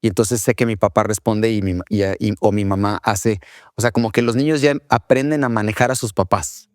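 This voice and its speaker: A man's voice: lowish voice, steady tone, fairly quick, no echo, clean studio sound. A man co-hosting a faith-based parenting podcast, talking casually and acting out children's whiny voices now and then. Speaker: podcast co-host, father.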